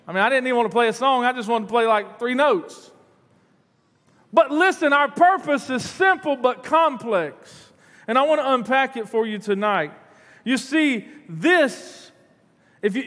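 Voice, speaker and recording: A man's voice: extremely high pitch, animated, moderate pace, fairly bright tone. A man, preaching a sermon in earnest from a church stage. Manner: earnest, repeats words, paces the stage. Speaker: pastor. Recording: long hall reverb in a church.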